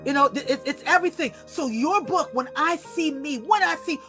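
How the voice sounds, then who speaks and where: A woman who writes and illustrates children's books, telling personal stories as an interview guest in an expressive, animated way. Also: sits high, a little fast, soft background music. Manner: expressive, animated storytelling with acted-out voices. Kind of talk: storytelling in an interview.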